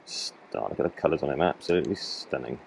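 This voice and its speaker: Low-voiced man fishing by a stream. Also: fast, vocal fry, poor audio. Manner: quiet, pleased, talking to himself between casts. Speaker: fly fishing vlogger. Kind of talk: casual running commentary while fishing. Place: outdoors by a stream in a valley. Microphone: action camera. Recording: outdoor camera audio with faint stream noise. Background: running stream and wind.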